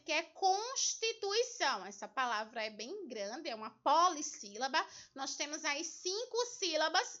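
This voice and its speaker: High bright-voiced woman teacher. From Brazil. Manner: slow, patient, spells out syllables for children. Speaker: primary school teacher. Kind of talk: remote homework lesson walkthrough. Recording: dull lo-fi recording.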